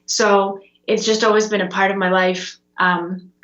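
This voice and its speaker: A young woman from Russia, a guest musician, answering interview questions over a video call in a relaxed way, with many ums and you-knows. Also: mid-range voice, a little slow. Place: small room at home, indoors. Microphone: video call with earbud headset. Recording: roomy, dull video-call audio.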